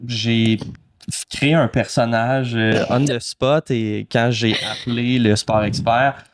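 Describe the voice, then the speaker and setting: A man's voice: mid-range voice, steady tone, takes it slowly, a little hiss or hum. A man with a Quebec French accent, co-hosting a casual podcast chat and joking around in a playful way. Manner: playful, slips into goofy put-on voices. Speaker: podcast co-host.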